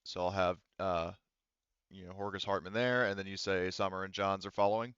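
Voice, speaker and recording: Over a slightly dull, dry online voice chat, a man running a tabletop roleplaying game talks casually and thinks aloud with hesitation. His voice sits low with fairly even intonation, moves fairly quickly, and sounds a bit bright and smooth, with no echo.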